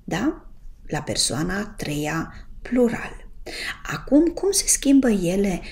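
A woman teaching a casual language lesson, greeting her viewers and slowly drawing out the example words she wants them to pronounce. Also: mid-range voice, very animated, gravelly, a little mellow. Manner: patient, drawn-out pronunciation of example words. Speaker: German teacher.

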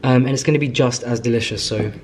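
A British man in his thirties rambles cheerfully to a handheld camera, joking at his own expense while he potters around his kitchen. His voice sits at an everyday middle pitch. The room gives his voice a noticeable echo. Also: steady tone, quick pace, darkish tone, slight background noise. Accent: British English. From United Kingdom. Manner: rambling, self-mocking, talks straight to camera. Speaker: vlogger. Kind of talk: casual chatty vlog. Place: home kitchen and living room sofa, indoors. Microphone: handheld camera at arm's length. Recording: echoey room.

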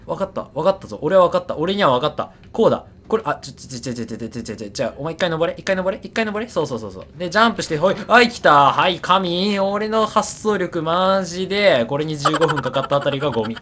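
Guy streaming a game, talks fast, repeats himself, very up and down voice. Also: a little high, lively intonation, fairly bright tone. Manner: chattery, repeats words, self-mocking. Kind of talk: casual running game commentary.

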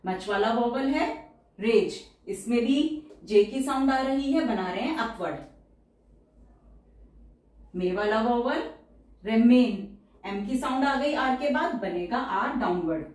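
A woman teaching shorthand, explaining each outline step by step and repeating every word slowly and carefully. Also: a little high, expressive, a little mellow, distant mic. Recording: very echoey room, voice from off the mic.

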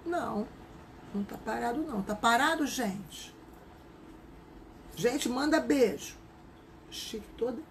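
A woman's voice: on the high side, slow pace, gravelly, long pauses, a crowd in the background, low-quality recording. A woman with a Rio de Janeiro accent, teaching a live craft class in a chatty, casual way and greeting viewers by name. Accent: Rio de Janeiro Portuguese.

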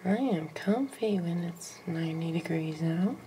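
A young woman talks slowly and gently on a home camera, often dropping to a whisper and coaxing with a light giggle. Her voice sits a bit low for a woman. A steady hiss of background noise runs under the recording. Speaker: animal caretaker filming a pet lizard. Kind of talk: casual home video narration.

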